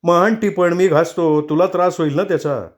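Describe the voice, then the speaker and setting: Angry young husband in a storybook, voiced by a male reader, curt and sharp, pitched well above the reader's own voice. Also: fairly quick, close to an everyday voice. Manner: sharp and raised in anger.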